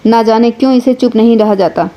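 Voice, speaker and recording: A woman's voice: a little high, brisk, mellow, natural voice. A woman reading the lines of a weary, restrained village farmer who speaks sternly to his family. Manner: stern, scolding.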